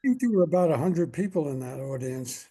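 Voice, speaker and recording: Mellow older man hosting. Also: on the high side, sing-song, brisk, husky. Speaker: podcast host. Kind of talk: casual interview talk.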